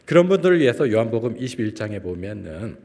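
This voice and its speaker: Male preacher, low and animated, builds loud then drops soft, recorded with long reverb in a church sanctuary. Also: fast. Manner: asks the congregation rhetorical questions; sweeps between loud and soft phrases. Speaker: guest preacher, professor. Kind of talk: sermon.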